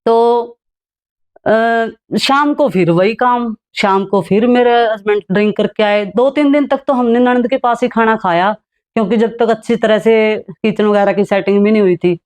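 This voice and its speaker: A middle-aged woman from Haryana, India, telling her own life story as a talk show guest, in a plain, unhurried way with soft quiet asides. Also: a little high.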